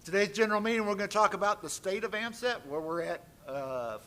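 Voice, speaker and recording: Male presenter opening a meeting, slightly higher voice, loose and easygoing delivery on a stage mic. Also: fairly quick, bright, forceful tone. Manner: friendly, lightly joking, off-the-cuff. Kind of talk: public address at a conference. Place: conference meeting room.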